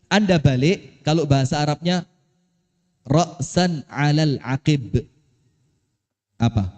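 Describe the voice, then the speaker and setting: A man with a Javanese accent preaching a lively sermon, telling stories with acted-out voices and asking his audience questions. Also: fairly high pitch, slow. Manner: animated storytelling, acts out voices, asks audience questions. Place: mosque hall. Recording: long hall reverb.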